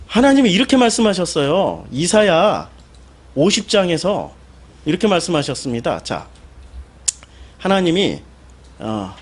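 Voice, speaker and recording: A man's voice: high-pitched, wildly swooping pitch, a little slow, pauses often, husky. A male pastor preaching a sermon, firing rhetorical questions at the congregation and answering them himself, with sudden emphatic exclamations.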